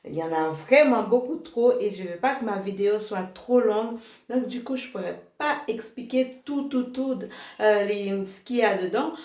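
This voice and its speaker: A woman gives a slow, unhurried product demonstration from home. She hesitates constantly, restarting sentences and filling gaps, and laughs at her own slips. The room around her echoes noticeably. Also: mid-range voice, a little mellow. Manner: hesitant, many fillers and restarts, laughs at herself; slow, halting delivery. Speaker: product seller presenting her range. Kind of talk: casual product demo video.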